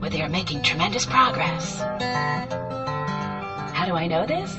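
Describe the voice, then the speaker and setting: A woman's voice: on the low side, big pitch swings, moderate pace. A woman telling an over-the-top comic story in a melodramatic way. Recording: distant voice under loud music. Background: loud music.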